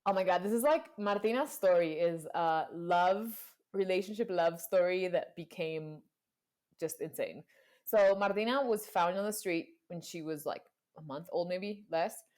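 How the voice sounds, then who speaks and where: A woman's voice: lowish voice, measured pace, a little mellow. A young woman guest in a casual chat, telling a personal story full of "like" fillers and acted-out quotes. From Panama and Colombia. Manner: storytelling, acts out quoted voices, many "like" fillers.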